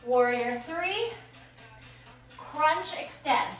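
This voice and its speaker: Her voice sits high and a little bright, with lively intonation and words she stretches out. This out-of-breath woman instructor calls brief, upbeat cues to her class in a small space. The sound is echoey and far-miked, with background music.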